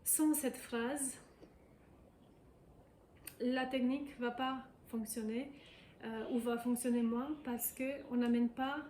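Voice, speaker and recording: A woman giving a guided emotional tapping lesson, speaking in calm, repetitive phrases. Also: fairly high pitch, takes it slowly, pauses often, slight background noise. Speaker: EFT tapping practitioner. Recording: echoey room with faint ambience.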